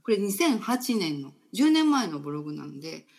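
A woman hosting a casual talk show, explaining slowly and thoughtfully with many fillers. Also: lowish voice, big pitch swings, creaky, darkish tone. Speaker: radio host.

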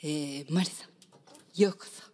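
A woman with a Kansai accent hosting a community radio talk show in a studio, chatty and quick to laugh, her voice slightly hoarse. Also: sits low, mellow. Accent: Kansai Japanese. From Kansai, Japan. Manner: chatty, laughs often, many fillers.

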